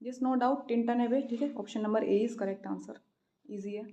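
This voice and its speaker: In an exam practice lesson, an Indian woman teaching English literature reads each question slowly, then explains it quickly in a mix of Hindi and English. Her voice is a little high and warm, and she repeats "theek hai" after every answer.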